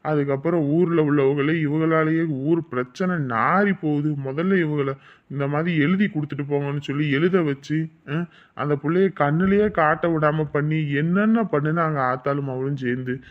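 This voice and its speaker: An actor playing an older village grandfather, speaking in a measured, grumbling way. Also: a little high, close to an everyday voice. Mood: complaining. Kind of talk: village family drama. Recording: slightly dull lo-fi sound.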